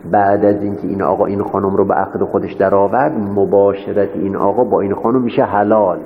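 A man's voice: lowish voice, gravelly. Male seminary teacher going over each point again and again, asking the class questions, lo-fi sound with faint hiss. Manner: repetitive, asks students rhetorical questions. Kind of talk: classroom lecture. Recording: echoey hall, dull lo-fi sound with faint noise.

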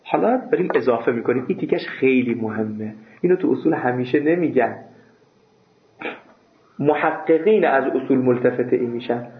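A man teaching a seminary class, lecturing emphatically and answering his own rhetorical questions. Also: medium pitch. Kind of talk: classroom lecture on Islamic jurisprudence. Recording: echoey room over a phone-like line.

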